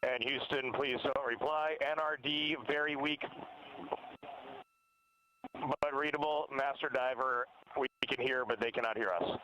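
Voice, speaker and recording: A man's voice: medium pitch, steady tone, a little slow, sharp tone. A man making terse, clipped procedural calls over a crackly two-way radio transmission as a recovery team radio operator.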